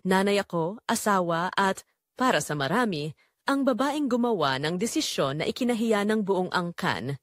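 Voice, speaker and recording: A woman voices an unhappy wife and mother confessing betrayal, narrating in the first person for an audio drama with a Filipino accent and a measured, reflective delivery. Her mid-range voice, close to an everyday one, has lively intonation and a confessional, wistful mood. The sound is clean studio audio without room sound.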